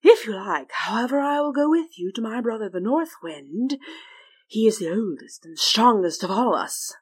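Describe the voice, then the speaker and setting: A woman voicing the South Wind, an eager, well-travelled male spirit who speaks in a lively way in a fairy-tale reading. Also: on the high side, moderate pace, husky, voice pushed up. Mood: helpful.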